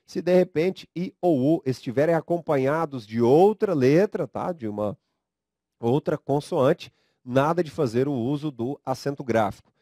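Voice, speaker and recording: A man with a Brazilian Portuguese accent teaching a recorded grammar lecture, speaking slowly and emphatically, drawing out syllables and coaxing students to read aloud. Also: on the high side, mellow, no room sound, studio quality. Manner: slow, emphatic, drawn-out syllables.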